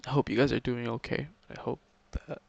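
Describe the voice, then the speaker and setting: A young man in an emotional confessional vlog, talking to his subscribers in a halting way with many pauses and restarts, upset, sighing and close to tears. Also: medium pitch, steady tone, vocal fry, dull audio. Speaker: video creator talking to subscribers.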